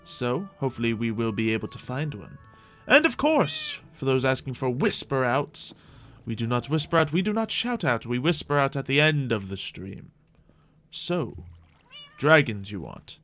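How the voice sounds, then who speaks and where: Soft music plays behind a man whose medium-pitched, fairly bright voice swings hugely in pitch at a moderate pace. As host of a livestreamed roleplay game, he offers meandering, playful in-character commentary and talks to viewers dramatically.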